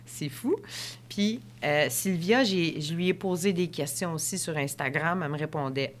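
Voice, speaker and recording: A woman with a Québécois accent, a podcast guest telling stories in a lively, excitable way and laughing often. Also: fairly low pitch, moderate pace, slight background noise. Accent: Québécois French. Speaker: podcast guest, ultramarathon runner. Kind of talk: animated storytelling in conversation.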